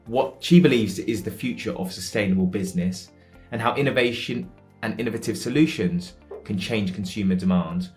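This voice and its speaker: A man hosts a podcast, giving an upbeat, welcoming introduction before easing into questions with the odd filler. His voice sits on the low side, with faint music underneath. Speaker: podcast host.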